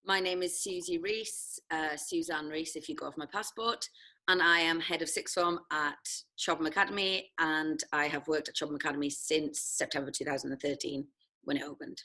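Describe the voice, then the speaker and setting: A head of sixth form from South Wales chats as an interview guest about her school days, laughing often and teasing herself. Her Welsh voice is deep, bright and forceful. Her intonation stays fairly even and her speed is normal.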